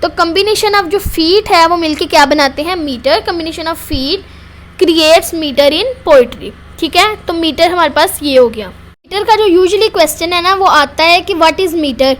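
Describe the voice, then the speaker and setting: A woman lectures on poetry with a very high voice. She explains in a steady classroom manner and drops to a slow, careful pace whenever she reads out a definition. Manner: mixes Hindi explanation with slowly dictated English definitions. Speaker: teacher. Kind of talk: recorded literature lecture.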